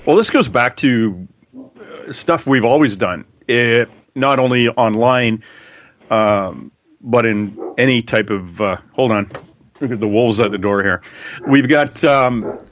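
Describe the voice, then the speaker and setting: An easygoing man sits on a paranormal radio panel. He pokes fun at himself and answers in a relaxed, wandering way, his voice sitting at an ordinary middle pitch. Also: slow pace. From Canada. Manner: self-deprecating, easygoing. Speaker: panel guest. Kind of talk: casual chat.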